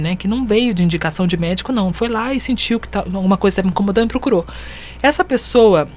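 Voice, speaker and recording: A woman's voice: medium pitch, a little hiss or hum. A woman hosting a live radio interview in a chatty, informal way, her voice sounding unwell and off. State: under the weather, voice off and monster-like as self-described. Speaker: radio host.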